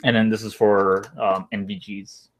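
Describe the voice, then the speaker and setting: Low-voiced young man rambling casually. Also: level tone, normal speed, noisy background. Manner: rambling, hesitant, trailing off. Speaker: live streamer, former Marine. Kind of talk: casual livestream chat.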